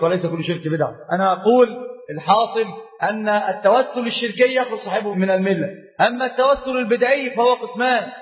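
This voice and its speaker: A man with an Egyptian accent teaching a religious class, questioning his students and mixing formal Arabic with colloquial asides. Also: high-pitched. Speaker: Islamic scholar teaching a class. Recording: reverberant hall, dull lo-fi sound.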